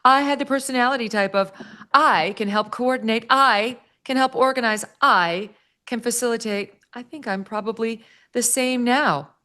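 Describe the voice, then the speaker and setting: A woman's voice: a little high, normal speed, bright, forceful tone, voice pushed up. A woman giving a hammy, theatrical dramatic reading, playing a gushing, self-satisfied magazine voice to mock it. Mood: eager, self-satisfied. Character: gushing magazine writer and self-satisfied duchess, read mockingly.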